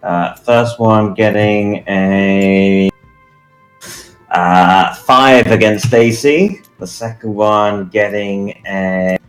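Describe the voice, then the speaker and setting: A man narrating as game master, measured and pausing often with fillers. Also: fairly low pitch, steady tone, faint music behind.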